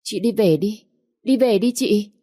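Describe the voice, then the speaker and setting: A woman's voice: lowish voice, lively intonation, moderate pace, darkish tone, no echo, clean studio sound. A woman reading a story aloud, voicing a spoiled young woman who cries on cue and pleads in a whiny voice. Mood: sugary coaxing.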